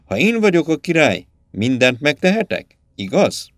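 A spoiled, bloodthirsty young prince whines and demands in sudden shrill bursts, as a male narrator acts him out. The voice swings widely in pitch. The sound is dry and close, like a studio-read storybook. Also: big pitch swings, no room sound. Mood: eager. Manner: whiny, demanding, shrill outbursts. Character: cruel, petulant young prince, mad for power.

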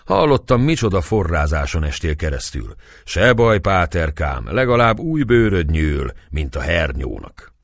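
A man reading aloud and voicing a gruff, hearty middle-aged castle lord who speaks in a raised, booming voice. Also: very animated, hardly any pauses, no echo, clean studio sound, exaggerated voice. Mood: blustering.

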